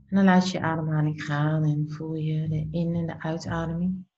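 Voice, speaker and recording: A woman leading a slow guided meditation in a soft, soothing, unhurried voice that turns breathy at the ends of phrases, with pauses between short phrases. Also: low voice, flat delivery, lo-fi sound, faint music behind.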